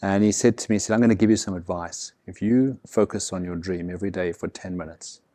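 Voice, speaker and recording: A man's voice: low voice, steady tone, quick pace, mellow. A middle-aged man from South Africa, telling stories as an interview guest in an indoor workshop, reflective, often repeating words as he starts a sentence. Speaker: guest, vehicle consultant and expedition leader. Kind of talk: relaxed storytelling in an interview. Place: indoor workshop with a vehicle behind.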